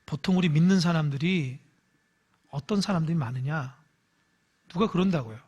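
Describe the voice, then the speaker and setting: A male pastor giving a Sunday morning sermon, emphatic, swinging between loud calls and hushed asides and acting out voices in dialogue. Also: fairly high pitch, moderate pace, slightly rough. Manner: acts out quoted voices in dialogue.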